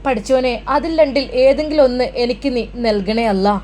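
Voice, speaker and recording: An anxious, devout young wife from a spoken storybook, as a woman narrator voices her. She sounds earnest and high, with a Malappuram Malayalam accent and a faint hum behind her. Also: brisk, warm tone, close to an everyday voice. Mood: prayerful.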